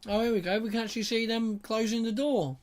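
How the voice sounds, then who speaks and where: A woman's voice: on the high side, fairly even intonation, fast, a little mellow. A woman giving casual, informal commentary as a livestream host. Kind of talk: casual live stream commentary.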